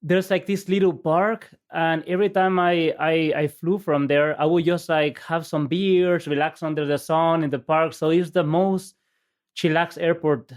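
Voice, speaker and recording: Relaxed, laid-back man from El Salvador. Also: a little high, measured pace. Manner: relaxed, laughing easily, lots of fillers. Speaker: podcast guest, innovation agency CEO. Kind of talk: casual interview chat.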